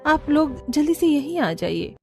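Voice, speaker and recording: A woman's voice: sits high, very animated, measured pace, faint music behind, full character voice. A woman voicing a kind, modest young woman in a cartoon, polite and caring. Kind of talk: cartoon voice acting.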